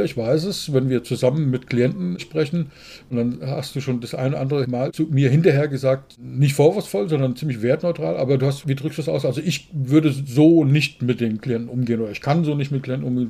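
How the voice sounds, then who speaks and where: A man's voice: medium pitch, fairly quick, vocal fry, slightly rough. A man, a business consultant co-hosting a podcast, talking in a blunt, outspoken way. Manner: blunt, outspoken, animated storytelling. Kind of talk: casual podcast conversation.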